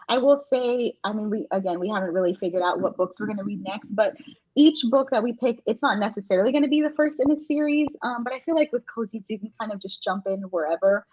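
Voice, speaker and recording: A woman hosting a book club livestream, chatting casually and laughing often. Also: fairly high pitch. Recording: dull lo-fi audio.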